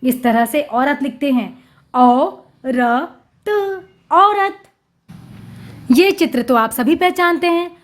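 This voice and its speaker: A woman teacher explains a reading lesson to young children. She speaks very slowly and breaks each word into syllables before saying it whole with emphasis. Her voice is high and bright, and she stays patient throughout. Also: animated. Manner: slow, drawn-out syllables with emphatic repeats. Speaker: primary school Hindi teacher.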